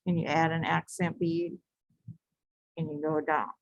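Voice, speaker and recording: A low-pitched woman teaches a live beading lesson at her craft table, slow and calm through each step, repeating her instructions and now and then restarting a phrase. Her voice sounds close and dry with no room echo, though the audio itself is dull.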